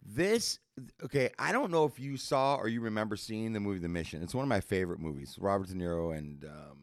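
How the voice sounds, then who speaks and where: A podcast co-host, this man has a fairly low, somewhat fast voice with lively intonation. Chatting casually, he retells a story with enthusiasm, slangy and repetitive, saying "bro" and "dude" often.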